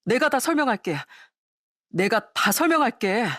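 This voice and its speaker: A woman's voice: fairly high pitch, lively intonation, normal speed, a bit bright, no room sound, studio quality, pitched above the performer's own voice. A woman voicing a deceitful young male fiancé who stammers out excuses. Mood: flustered. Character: deceitful two-timing young fiancé, man.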